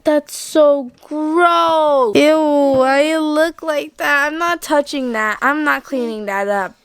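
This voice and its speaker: A woman voicing a young girl doll in doll pretend play, squealing high when she is scared of a spider. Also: takes it slowly, no room sound. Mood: disgusted.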